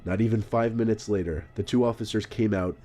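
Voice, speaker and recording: A man reading a scripted story in a calm, measured narration. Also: on the low side.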